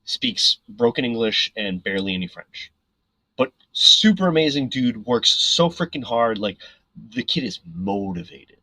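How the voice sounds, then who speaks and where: Male podcast guest; husky, animated storyteller; dry close-mic sound. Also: medium pitch, a little slow, no room sound, rough recording. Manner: animated, filler-heavy, frequent "right?". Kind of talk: casual storytelling.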